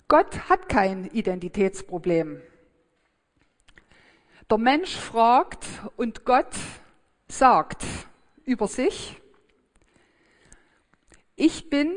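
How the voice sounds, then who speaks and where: A woman's voice: a little high, in a large hall. A woman giving a sermon, thinking aloud in a hesitant, reflective way with frequent fillers and restarts.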